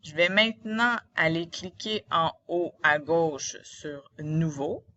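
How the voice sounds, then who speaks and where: A woman's voice: fairly low pitch, pushed and bright, muffled recording. A woman with a Quebec French accent, a teacher narrating a screen tutorial in a didactic, step-by-step way.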